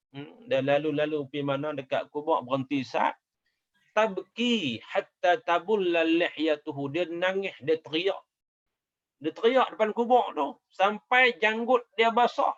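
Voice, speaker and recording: A man's voice: sits high, a bit bright, highs cut off. A man giving a sermon as a religious teacher, emphatic, repeating his phrases and chanting Arabic quotations.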